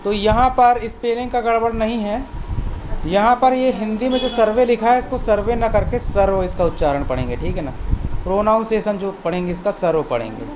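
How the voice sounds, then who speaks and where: A little fast and medium-pitched, an English teacher runs a Hindi-language lesson against a noisy background. The patient, repetitive approach has each word spelled out letter by letter, repeated and given its meaning, with frequent "theek hai" check-ins.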